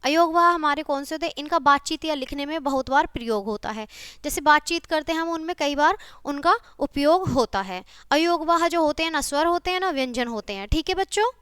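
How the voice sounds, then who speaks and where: A woman teaching a children's lesson, patient and checking often that the children follow, spelling out sounds slowly one by one. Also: high voice, a bit bright, dry recording, studio quality. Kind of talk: classroom video lesson for children.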